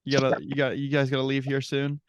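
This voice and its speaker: A man hosting a podcast interview, easygoing and chatty, nodding along with quick affirmations. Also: mid-range voice, monotone, smooth, no echo, muffled recording. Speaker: podcast host. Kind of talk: casual interview chat.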